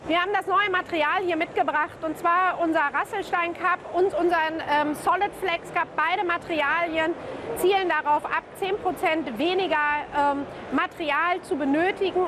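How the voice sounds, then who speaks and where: A woman's voice: very high voice, normal speed. A woman speaking as a company representative in an interview statement, fluent but with frequent fillers. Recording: noisy outdoor recording.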